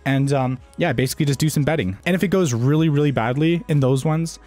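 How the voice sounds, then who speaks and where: A man's voice: a little high, quick pace, warm tone, faint music behind. Rambling young gaming YouTuber, man. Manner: rambling, joking, lots of fillers and restarts. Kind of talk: casual joking vlog talk.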